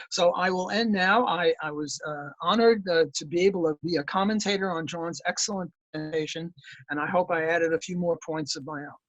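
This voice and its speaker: Older male commentator, high husky voice, emphatic and repetitive. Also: a bit bright, no echo. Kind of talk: panel commentary.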